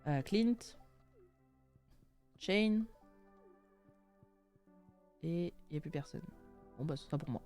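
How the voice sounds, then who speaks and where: A woman's voice: sits low, lively intonation, takes it slowly, long pauses, mellow, soft background music. A young woman chatting casually and jokingly while playing a video game, reading its text aloud. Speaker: gaming streamer. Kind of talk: casual let's-play chat.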